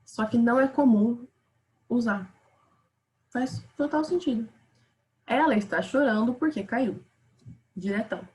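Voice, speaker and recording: A woman's voice: fairly high pitch, a little slow, long pauses, a little mellow, low-quality recording. A woman with a Brazilian Portuguese accent teaching a casual online grammar lesson, chatting with her students.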